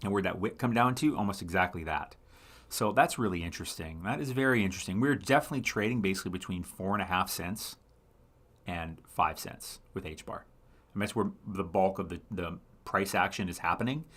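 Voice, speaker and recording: Speaking briskly in a low, fairly bright voice, this livestream host works through charts out loud in a casual, rambling way. He keeps correcting himself mid-sentence and responds to viewer comments as he reads them.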